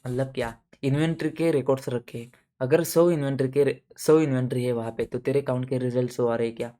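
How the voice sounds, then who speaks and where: Casual male audit teacher, mellow voice. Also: mid-range voice, fairly even intonation, brisk. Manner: casual, addresses students as buddies with everyday shop examples; repeats points and checks understanding. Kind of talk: exam coaching lecture.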